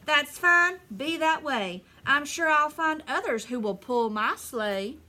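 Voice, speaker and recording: A woman's voice: high-pitched, lively intonation, takes it slowly, pushed and bright, heavily acted. A woman voicing a frantic, bossy old Santa in a storybook, calling out emphatically. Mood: defiant.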